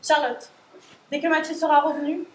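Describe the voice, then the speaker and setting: A woman's voice: high voice, flat delivery, normal speed, noisy background, lightly acted. A teenage girl acting in a school stage play as a caring, motherly woman in charge, recorded from far off in an echoey hall. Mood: gentle. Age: teens. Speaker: high school stage actor.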